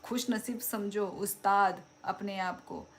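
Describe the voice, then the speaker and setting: A woman's voice: medium pitch, steady tone, slow pace. A young woman hosting a casual live stream, chatting and laughing as she reads out and answers viewer comments. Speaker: livestream host.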